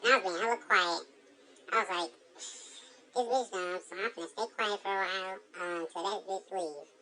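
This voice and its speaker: A crude, brassy chipmunk rattles off a wild tale in a comedic monologue, put on by a woman. The voice is bright and edgy, packed with slang and swearing. Faint noise hums underneath. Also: lowish voice, quick pace. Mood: brash. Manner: profane, slang-heavy, brash storytelling. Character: foul-mouthed drunk chipmunk telling a wild tale.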